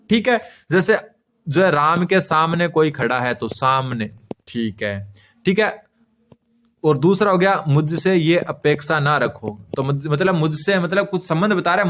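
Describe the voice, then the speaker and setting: A man's voice: sits high, fairly bright tone, slight background noise. A man teaching an exam-prep grammar lesson, asking questions and answering them himself, repeating key terms while he writes on a board.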